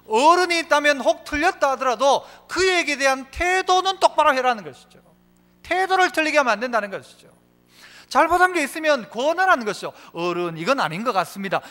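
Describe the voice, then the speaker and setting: A man's voice: very high-pitched, sharp tone. A man preaching a sermon as pastor, asking the congregation questions and answering them himself, and telling stories with voices. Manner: tells stories, acting out quoted voices. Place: church sanctuary.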